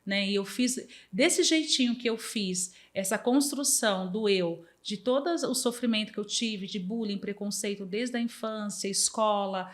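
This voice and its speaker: A woman's voice: mid-range voice, unhurried, few pauses. A woman from Brazil, chatting as an interview guest about music therapy, sometimes singing and acting out bits of children's songs. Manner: lively, sings and acts out snatches of children's songs. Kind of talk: casual interview chat.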